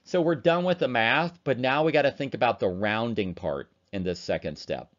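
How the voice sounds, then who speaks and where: A man's voice: mid-range voice, normal speed. A man teaching an online chemistry lecture, talking casually as he works through problems on a calculator. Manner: casual, chatty, talks while working calculator problems. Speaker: chemistry instructor. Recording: dull lo-fi recording.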